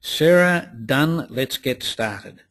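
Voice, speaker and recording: A man giving a webinar presentation in a deliberate way, repeating phrases for emphasis. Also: mid-range voice, animated, a bit bright. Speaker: lecturer and presenter.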